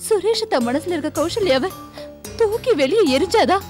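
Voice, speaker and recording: A woman's voice: very high voice, lively intonation, moderate pace, darkish tone, faint music behind. An actress playing a tearful young daughter pleading with her father, in a TV serial. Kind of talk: TV serial acting.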